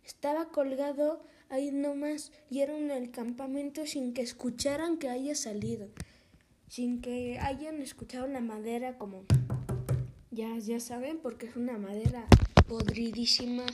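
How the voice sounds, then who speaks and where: Mellow-voiced woman telling horror story. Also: fairly high pitch, steady tone, unhurried, a little hiss or hum. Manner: rambling, self-correcting, often drops to a whisper.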